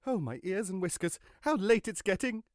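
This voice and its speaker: A man's voice: high voice, animated, moderate pace, no echo. Storybook rabbit: male, fussy, anxious, muttering, very dry close recording. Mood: flustered, hurried. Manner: fretful, muttering to himself. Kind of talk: full-cast audiobook acting.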